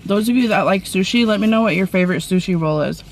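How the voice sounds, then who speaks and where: A woman's voice: medium pitch, fast talker. Casual woman vlogger, mid-range voice, chats and mumbles between bites, faint room hum behind. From Portland, Oregon area. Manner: talks between bites, soft mumbled asides over food. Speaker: mukbang vlogger. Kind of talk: casual eating-show chat.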